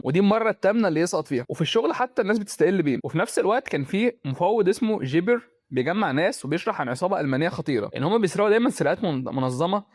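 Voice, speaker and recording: Rapid-fire Egyptian man recapping a film. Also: high voice, no room sound, clean studio sound. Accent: Egyptian Arabic. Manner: rapid, chatty storytelling with colloquial asides.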